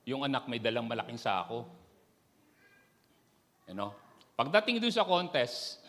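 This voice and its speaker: Slow, halting man preaching in a hall. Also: mid-range voice, big pitch swings, fairly bright tone. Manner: halting, self-deprecating, many fillers. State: recovering from a cough. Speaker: church speaker. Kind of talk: Taglish sermon. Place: church hall.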